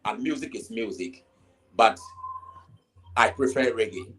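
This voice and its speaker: A man's voice: lowish voice, a little slow, a bit bright, rough recording. A Ghanaian man with a Ghanaian accent, a reggae artist answering interview questions in a casual way, often saying "you know" and stumbling over repeated words.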